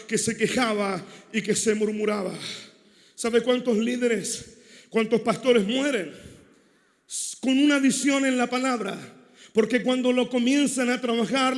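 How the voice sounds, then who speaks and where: A man with a Chilean Spanish accent preaching a sermon, swinging from loud shouting to hushed asides. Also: very high voice. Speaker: pastor. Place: large church hall at a congress. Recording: long hall reverb.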